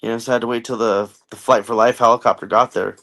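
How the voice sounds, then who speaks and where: A man's voice: medium pitch, level tone, fast talker, creaky, a bit bright. Chatty American man telling his story. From United States. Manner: conversational, jokey, filler-heavy storytelling. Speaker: podcast guest, army veteran. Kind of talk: casual storytelling interview.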